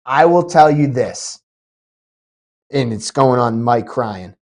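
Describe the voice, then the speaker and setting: On a relaxed podcast, an MMA promoter with a mid-range voice takes his time, though he's still excitable and rambling, restarting often. He's sniffly, recovering from a cold.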